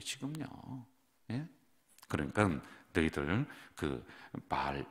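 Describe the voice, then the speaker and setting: A man preaching an early morning prayer sermon as pastor, talking casually and asking the congregation questions. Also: fairly low pitch. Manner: conversational, asks the congregation questions; acts out parents' scolding lines. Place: church.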